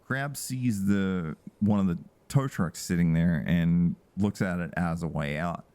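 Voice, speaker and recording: Man, podcast co-host, low voice, mellow tone, relaxed casual chat. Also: unhurried, clear, resonant tone, no echo. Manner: relaxed, chatty, laughs often. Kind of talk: casual movie review chat.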